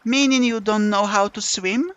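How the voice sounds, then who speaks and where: A man's voice: sits high, normal speed, a bit bright, smooth, highs cut off, pitched above the performer's own voice. A man voicing a playful, mischievous catgirl with cat ears and a tail in an audiobook reading. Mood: teasing. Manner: teasing, sly. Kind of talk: audiobook character voice.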